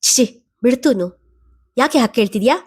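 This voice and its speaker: A woman voicing a gentle young mother soothing her child. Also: a little high, animated, normal speed, breathy edge, dry recording. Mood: tender.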